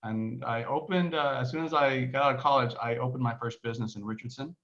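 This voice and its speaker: A man from Texas, United States, with a Texan accent and a bright-ish mid-range voice, talks fast as a podcast guest, rambling through his story with many restarts and fillers in a casual conversational interview. He's at home in Barcelona on a remote call, and the recording sounds muffled.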